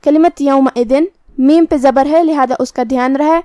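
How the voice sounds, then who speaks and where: A woman's voice: sits high, fairly even intonation, mellow, dry recording, clean studio sound. A woman teaching the rules of Quran recitation, explaining each rule step by step in a methodical way. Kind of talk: tajweed lesson explaining rules.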